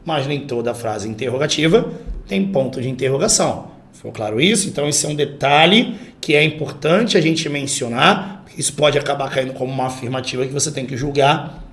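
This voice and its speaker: A man with a Brazilian accent teaching an online grammar class, lively and emphatic, acting out example sentences. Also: mid-range voice, a little fast. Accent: Brazilian Portuguese. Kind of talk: online exam-prep grammar lesson.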